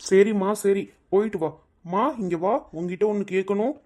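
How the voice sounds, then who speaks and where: A woman voicing a gentle, obedient grown son who speaks. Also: mid-range voice, fairly even intonation, moderate pace, close to an everyday voice.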